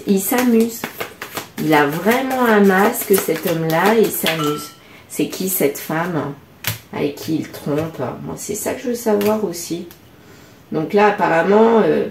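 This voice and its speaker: A woman with a French accent doing a casual oracle card reading, musing aloud and pausing often with fillers. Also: medium pitch, vocal fry, a little mellow, echoey room. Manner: musing, hesitant, many fillers. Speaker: card reader.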